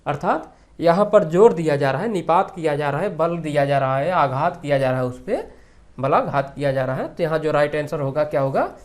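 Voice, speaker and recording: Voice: medium pitch, animated, a little fast, darkish tone. A Hindi exam-prep teacher lecturing on grammar questions, who repeats key phrases and asks the class rhetorical questions.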